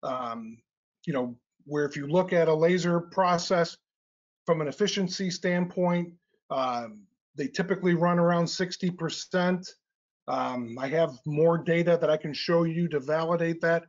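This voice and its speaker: A middle-aged man with a slightly high voice presents technical slides in a webinar at a measured pace. He explains step by step, sprinkling in plenty of "uh" and "um." The audio is lo-fi and a bit dull.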